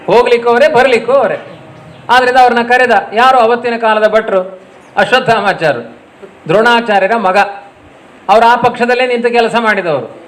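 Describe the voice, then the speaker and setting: A man's voice: very high-pitched, normal speed, long pauses, fairly bright tone. A man giving a storytelling religious sermon, asking rhetorical questions and chanting verses. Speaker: religious discourse speaker.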